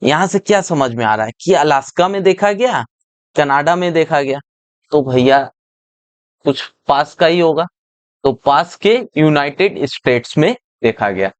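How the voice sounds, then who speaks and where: A man teaches an English reading passage for exam prep, talking slowly and repeating each phrase as he explains it. His voice is smooth and clear. It is recorded dry and close, with no room sound. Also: fairly high pitch, expressive, dry recording.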